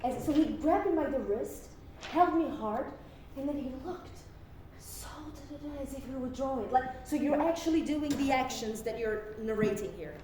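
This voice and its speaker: High-voiced woman coaching drama in an echoey room. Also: moderate pace, mellow. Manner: instructive, models lines for repetition. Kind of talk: line-by-line coaching of a classical monologue. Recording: echoey room, distant mic, faint noise.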